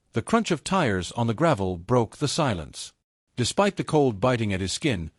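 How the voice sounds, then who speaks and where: Male storyteller, lively intonation, dramatic scripted read, dry close sound. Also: medium pitch, no room sound. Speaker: narrator.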